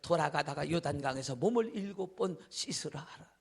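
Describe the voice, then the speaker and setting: Male pastor, evening revival sermon, gravelly husky voice, dramatic storytelling. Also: on the high side, expressive, fairly quick. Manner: dramatic, acts out characters, shouts and drops to whispers. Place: church hall.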